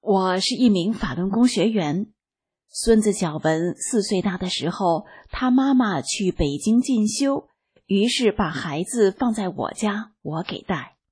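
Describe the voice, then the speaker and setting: A woman reading a first-person testimony aloud as scripted narration, in a slow, calm and even manner. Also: mid-range voice, husky. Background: faint background music.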